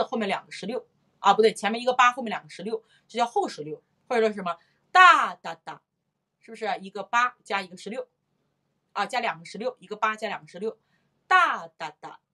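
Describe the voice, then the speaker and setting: Lively woman vocal teacher demonstrating rhythms. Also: mid-range voice. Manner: lively, repeats phrases, sings and claps out rhythms. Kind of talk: live-streamed singing lesson.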